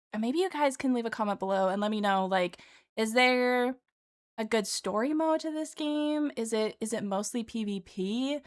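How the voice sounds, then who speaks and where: A woman streamer talking casually in a reaction video, musing informally with hesitant, drawn-out phrasing. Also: on the high side.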